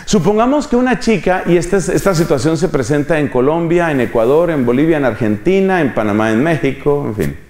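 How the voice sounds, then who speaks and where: A man in his fifties giving a pastoral talk, animated, full of rhetorical questions and acted-out quotes. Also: on the high side, brisk, few pauses, echoey room. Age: 50s. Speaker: preacher. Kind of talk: pastoral talk to youth ministers.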